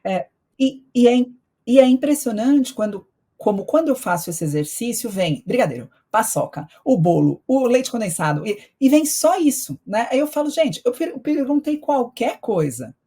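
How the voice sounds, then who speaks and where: A woman's voice: fairly high pitch, big pitch swings, moderate pace, mellow, husky. A woman who teaches eating behavior, talking in a teacherly way and guiding listeners through a reflection exercise on a podcast. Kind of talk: casual podcast conversation.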